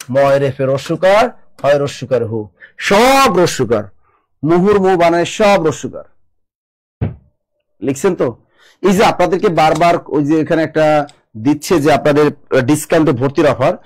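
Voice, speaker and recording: A man from Bangladesh teaching a live online spelling class. He urges students on briskly, repeats words and drills them. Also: on the high side, low-quality recording.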